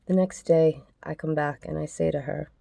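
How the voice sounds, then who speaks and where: Low gravelly-voiced woman podcast host. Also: fairly even intonation, moderate pace, warm tone, dry recording. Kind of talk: reading out a message exchange.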